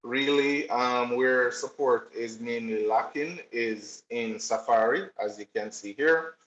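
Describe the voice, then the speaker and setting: A man's voice: mid-range voice, slow pace, a bit bright. A man giving a technical presentation, explaining steadily with frequent filler ums. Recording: roomy, slightly dull recording.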